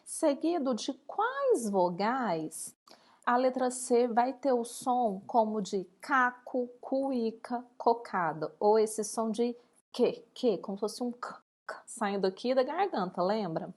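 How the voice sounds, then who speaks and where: Slow, lively woman teaching children. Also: on the high side. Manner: slow, drawn-out syllables for young pupils. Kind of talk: recorded remote school lesson.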